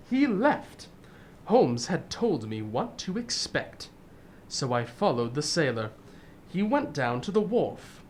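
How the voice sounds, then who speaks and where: A loyal, modest gentleman doctor and detective's companion acted by a woman in a radio play. Delivery is earnest and unhurried, with lively rises and falls in pitch. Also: a little hiss or hum. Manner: earnest, measured storytelling. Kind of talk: old-time radio drama acting.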